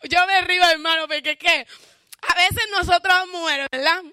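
A woman's voice: extremely high pitch, normal speed, slight background noise. A woman giving a fervent church testimony, calling out hallelujahs. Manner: self-described loud shouter.

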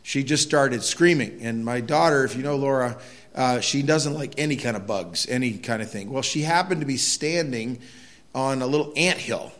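A man leading an evening Bible study as pastor, speaking in a gruff, throaty voice with a loose, conversational delivery full of restarts. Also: mid-range voice, normal speed.

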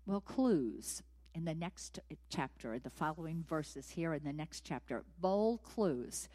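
Animated woman preacher in a reverberant hall. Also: sits low, takes it slowly. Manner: animated storytelling, acting out scenes. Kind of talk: sermon.

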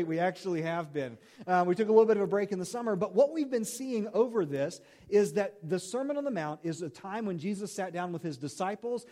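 A man's voice: high-pitched, a little mellow. A middle-aged male pastor giving a sermon in church, talking conversationally, joking and asking the congregation questions. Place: church sanctuary.

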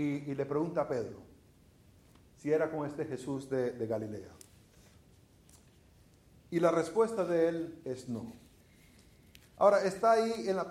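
A middle-aged Venezuelan man preaches a sermon with a Venezuelan Spanish accent, his voice sitting a little high for a man. He talks like he is telling a story to friends and keeps asking the congregation rhetorical questions. The sound is roomy, with the echo of a church hall. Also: darkish tone.

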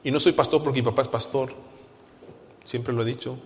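A young adult man preaching a sermon as pastor, moving between loud pleading and soft, confiding asides. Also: medium pitch, steady tone, fairly quick. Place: church sanctuary. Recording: reverberant church hall with soft music.

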